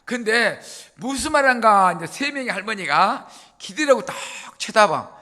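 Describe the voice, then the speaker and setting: A male pastor preaching a sermon, telling jokes with drawn-out emphasis. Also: sits high, animated, sharp tone. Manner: humorous storytelling, drawn-out emphasis. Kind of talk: joking sermon.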